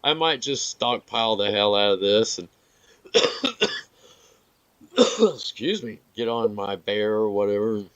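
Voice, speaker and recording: Man, lowish voice, slow rambling game commentary, dry and dull lo-fi sound. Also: clean tone, dry recording. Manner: rambling, relaxed, with filler words. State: hiccups. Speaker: gaming video creator. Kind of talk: casual gameplay commentary.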